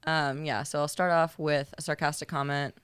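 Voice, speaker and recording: A man's voice: a little high, flat delivery, fairly bright tone, clear, resonant tone, no room sound. A man in casual podcast chat with a blunt, sarcastic way of talking. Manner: sarcastic, blunt, quick to agree.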